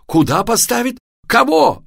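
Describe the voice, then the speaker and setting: A man voicing a panicky, excitable father who keeps shouting indignantly. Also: a little high, moderate pace, no echo, clean studio sound, voice pushed up, exaggerated voice.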